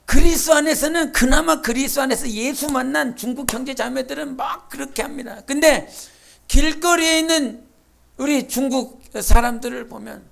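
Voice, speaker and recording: A woman pastor preaching a sermon in a church, with emphatic bursts, quiet asides and acted-out quotes. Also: high voice, creaky. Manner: acts out quoted speech and imitates sounds. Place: church sanctuary.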